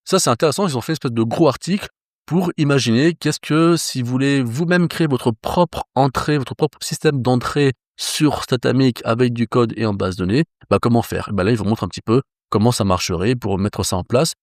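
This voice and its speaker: A man's voice: medium pitch, fairly quick, dry recording. Dry-sounding man teaching. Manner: casual, conversational, with fillers and self-corrections. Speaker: developer trainer. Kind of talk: screen-share tutorial.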